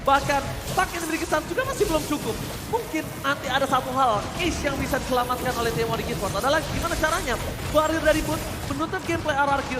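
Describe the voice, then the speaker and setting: A man shoutcasting an esports match live, with an excitable fighting game announcer delivery. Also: very high voice, fast. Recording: echoey hall reverb, loud music behind.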